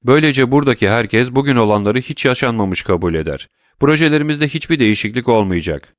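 A man's voice: mid-range voice, animated, fast, dry recording, clean studio sound, pitched above the performer's own voice, natural voice. A man reading an audiobook, voicing a proud, uneasy royal prosecutor who speaks formally and breaks into tense exclamations.

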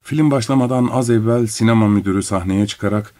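A man narrating a story in a calm, measured way. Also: fairly low pitch.

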